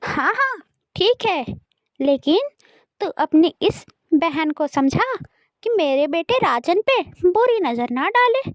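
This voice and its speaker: A woman voicing a harsh, scornful stepmother in a cartoon story, with a shrill, cutting voice. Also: sing-song, slow pace, dry recording, full character voice. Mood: scolding. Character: harsh scolding stepmother, favours her own son.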